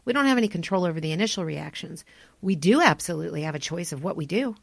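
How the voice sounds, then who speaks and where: Woman host, low-ish voice, enthusiastic, affirming; dry recording. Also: expressive, quick pace, creaky, dry recording. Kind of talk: podcast interview.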